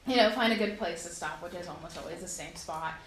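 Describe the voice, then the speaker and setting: A woman's voice: on the low side, quick pace, a little hiss or hum. Earnest woman giving testimony in echoey hall. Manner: heartfelt, earnest storytelling with frequent fillers. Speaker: speaker sharing a personal testimony. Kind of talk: personal testimony to a congregation.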